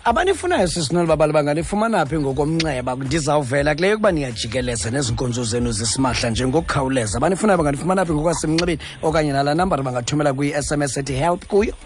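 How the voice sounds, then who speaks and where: A man's voice: fairly high pitch, lively intonation, rapid-fire, hardly any pauses, slight background noise. A man with a South African Xhosa accent hosting a radio interview and putting questions to a guest. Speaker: radio host.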